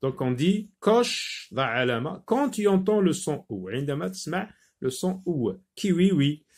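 A man teaching French phonics, repeating each word slowly with many hesitations. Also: a little high, big pitch swings, darkish tone. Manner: slow, repeats words, many filler hesitations. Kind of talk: slow phonics lesson.

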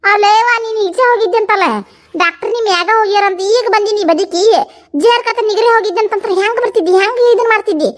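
A woman with a North Karnataka accent plays a part in a village comedy skit. Her voice is very high and quick, and she presses the others with blunt, scolding questions. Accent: North Karnataka Kannada. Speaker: comedy sketch performer.

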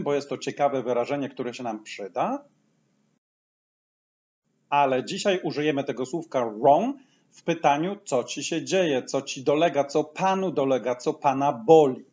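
An English teacher gives a patient language lesson, saying each English phrase slowly twice and lingering over every example. His pitch moves up and down in a lively way. The audio is dull and lo-fi.

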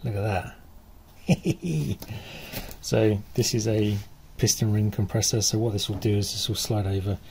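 A middle-aged man talking casually while he rebuilds a car engine outdoors, thinking aloud with pauses and fillers. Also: fairly low pitch, fairly even intonation, vocal fry, a little mellow, a little hiss or hum. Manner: thinking aloud, stop-start explaining with fillers. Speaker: DIY car mechanic. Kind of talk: casual workshop explanation. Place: outdoor driveway.

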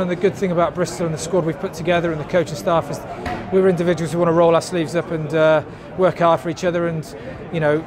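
A man in his thirties, a club captain, speaks in a slightly raised voice with plenty of ums as he reflects on a match. He is recorded outdoors in a stadium stand, and a crowd murmurs clearly behind him. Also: on the high side. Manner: measured, thoughtful, lots of fillers. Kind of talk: post-match interview.

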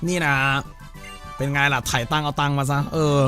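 A man's voice: fairly high pitch, little pitch movement, fairly quick, music in the background. A man streaming a game, joking crudely and putting on silly voices for the characters. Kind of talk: let's-play commentary.

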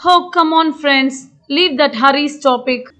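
A kind, friendly schoolchild, as a woman plays her for a school puppet play. She speaks high and slow, with a gentle, measured manner. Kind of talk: school puppet show voice acting.

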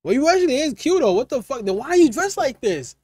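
Over loud music, a man in his twenties with an extremely high, sing-song voice talks quickly as he hosts Omegle video chats through a headset. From a small, dim room lit with colored lights, he teases strangers in brash, slangy banter.

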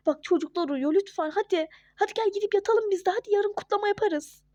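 A woman voicing a young wife and mother in a home-made toy-game role-play, scolding and hushing her husband. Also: extremely high pitch, fast, dry recording, dull audio, pitched above the performer's own voice. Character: young wife and mother, hurt but firm and sensible.

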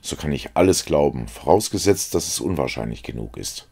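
A man's voice: a bass voice, expressive, brisk, creaky, darkish tone, slightly rough, heavily acted. Man reading a cynical, witty young lord. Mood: amused, teasing. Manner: languid, mocking, epigrammatic.

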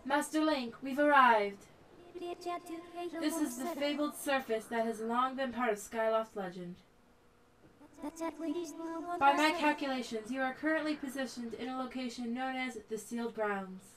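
A woman voicing a calm female sword spirit guide, reading on-screen game text aloud in a formal, even manner over loud game music. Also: high voice, a little slow, pauses often, a crowd in the background.

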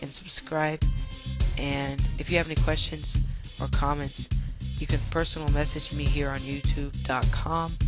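A man with a squeaky voice giving a casual, step-by-step software tutorial as its host. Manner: instructional, step-by-step. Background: background music.

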